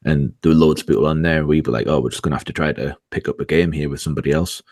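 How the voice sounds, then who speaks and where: A man in his forties, co-hosting a casual podcast chat, telling rambling stories with halting restarts and frequent laughs. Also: extremely low pitch, steady tone, darkish tone, no room sound, clean studio sound. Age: 40s. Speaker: podcast co-host.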